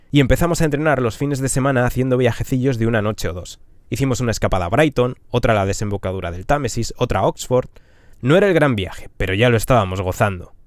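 A man, a travel vlogger telling his own story in a punchy, lively way with rhetorical questions, recorded in a small camper van on a stand mic. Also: mid-range voice, no echo, clean studio sound. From Spain. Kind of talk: storytelling monologue. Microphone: podcast mic on a stand.

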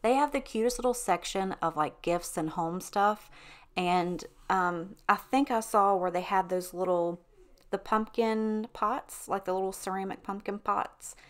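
A woman's voice: medium pitch, measured pace. A woman, chatting casually and rambling with lots of ums and likes over her cleaning footage. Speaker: cleaning vlogger.

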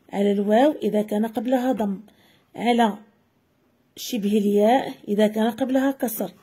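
A woman teaching a grammar lesson, spelling out example words slowly and deliberately. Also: fairly high pitch, mellow, husky. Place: video lesson voice-over.

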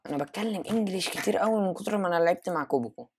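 Egyptian guy commentating his game live, hyped, yelps high and loud a lot, throws in english. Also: racing, slight background noise. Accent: Egyptian Arabic. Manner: excitable, jumps to loud high exclamations, mixes in English. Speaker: gaming YouTuber.

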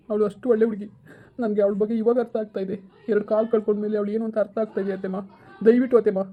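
A woman's voice: mid-range voice, close to an everyday voice. A woman playing a remorseful young husband who begs his mother-in-law for forgiveness in an apologetic manner. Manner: begging, apologetic. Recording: tinny phone-like sound.

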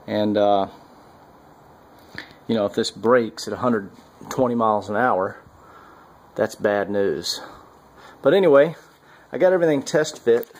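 A man narrating his welding work on a car in a casual workshop vlog, halting with many fillers, on a handheld camera mic. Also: on the low side, rough recording. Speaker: home car builder. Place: garage workshop, indoors.

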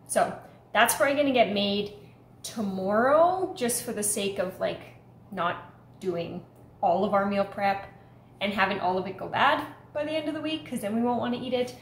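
A woman's voice: medium pitch, a little hiss or hum. A woman in her thirties chatting to camera at home about her day, upbeat and talkative. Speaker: vlogger. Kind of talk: casual vlog chat to camera. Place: home kitchen and living room indoors. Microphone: camera on a stand in front of her. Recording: echoey home room.

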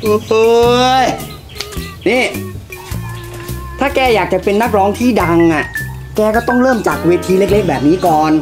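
A man's voice: high-pitched, animated, measured pace, pauses often. A young man playing a friend who coaches a village girl in singing, giving orders in a bossy, pushy way. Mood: bossy, urging. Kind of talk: short drama acting. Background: loud music.

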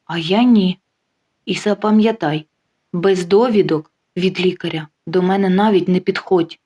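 A calm, sharp-tongued wife in an audio story, voiced by a woman narrator. She answers dryly and without hurry, every line laced with mockery. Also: fairly low pitch, slightly rough. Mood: mocking. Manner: dry, mocking, unhurried.

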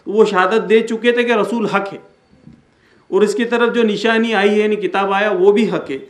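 A man giving a religious lecture, explaining verses, repeating and rephrasing points and reciting Arabic lines slowly. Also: high-pitched, steady tone. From India. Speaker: Islamic speaker and founder of an education center. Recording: echoey room.

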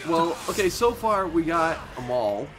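A man co-hosting a game playthrough, goofy and rambling, sometimes breaking into loud shouts. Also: a little high, sing-song, unhurried, background noise. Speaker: let's play co-host. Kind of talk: casual gameplay commentary.

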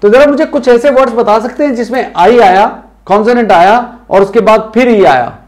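A man's voice: very high-pitched, normal speed, darkish tone. A man with an Indian accent teaching a spoken English lesson, drilling words aloud and quizzing his viewers.

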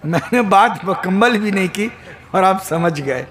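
A male Islamic preacher, giving a humorous sermon at a gathering, quizzing the crowd and bursting into shouts. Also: sits high, lively intonation, a little slow. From Bihar, India.

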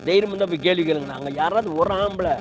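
A man rants on a livestream from home, indignant, repeating himself and demanding answers from his viewers. His voice sits a bit high, and a faint hum runs under the recording. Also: fast talker. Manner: indignant, repetitive, rhetorical questions. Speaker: live streamer. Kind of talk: heated livestream rant.

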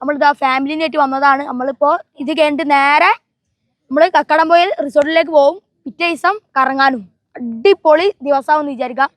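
A woman's voice: high voice, a little fast, dry recording. A woman travel vlogger chatting casually to viewers in a Malabar Malayalam accent from northern Kerala, mixing English words into her Malayalam. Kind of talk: casual vlog chat to viewers.

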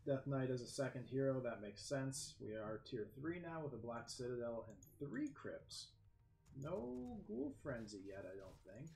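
A man commentating a strategy game match, lively play-by-play that jumps up in excitement. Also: medium pitch, unhurried, creaky. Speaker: game caster. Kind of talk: esports commentary. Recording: echoey room with faint background noise.

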